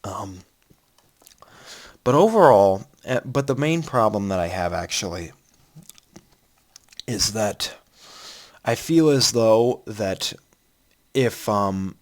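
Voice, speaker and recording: A man's voice: fairly low pitch, animated, takes it slowly, long pauses. A man giving an unscripted video game review from his computer. He rambles, restarts often and yawns now and then. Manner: rambling, many ums and restarts; yawning, sleepy. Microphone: computer mic.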